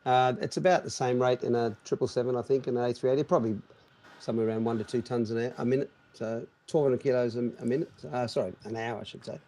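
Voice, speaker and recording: A man's voice: mid-range voice, fairly even intonation, fast talker, mellow. A man, a jet-lagged airline pilot, explaining things at length in casual chat with many restarts. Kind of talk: casual chat on a live stream.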